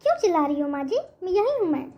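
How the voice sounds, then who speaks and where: A woman's voice: extremely high pitch, sing-song, rapid-fire, highs cut off. A woman voicing a rude, lazy young daughter-in-law in a cartoon story, snapping dismissively. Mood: snappy.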